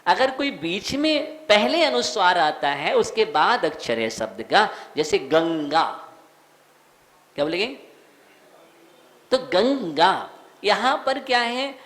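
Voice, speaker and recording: A man, a monk, teaching the recitation of a devotional verse, slowly sounding out each word and asking listeners to repeat. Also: high voice, big pitch swings, fairly bright tone. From India. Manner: slow, repeats words, quizzes listeners; chants verses in a sung tone. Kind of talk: recitation and pronunciation lesson.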